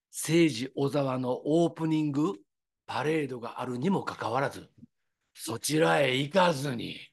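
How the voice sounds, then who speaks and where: A man from Osaka with a Kansai accent, preaching a sermon in a conversational, storytelling way. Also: on the high side. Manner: conversational, lively storytelling with quoted voices.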